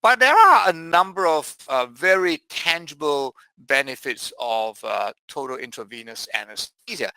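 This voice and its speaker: Bright-voiced man giving a medical lecture. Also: fairly high pitch, expressive, no echo, poor audio. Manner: measured, with frequent "uh" fillers. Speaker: anesthesiologist lecturer. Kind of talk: medical presentation.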